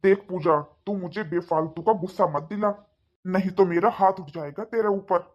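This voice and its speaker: A short-tempered young husband snaps and scolds in this cartoon, as a woman voices him. The voice sits low and gruff. The recording is dull and lo-fi. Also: fairly even intonation, moderate pace, a little mellow, close to an everyday voice. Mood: irritated. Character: irritable young husband heading to the office. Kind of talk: cartoon voice acting. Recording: dull lo-fi sound.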